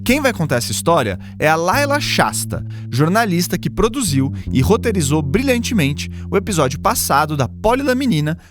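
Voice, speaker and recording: A Brazilian man hosts a podcast with scripted narration in a fairly high, very lively and varied voice. Plucked guitar music plays clearly behind him. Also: normal speed, few pauses. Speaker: podcast host.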